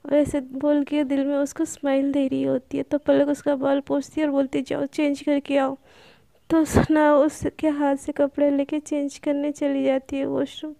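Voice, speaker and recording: A woman's voice: sits high, monotone, moderate pace, vocal fry, hardly any pauses, warm tone, no room sound. A woman narrating a love story in a casual, chatty way, acting out the characters as she goes.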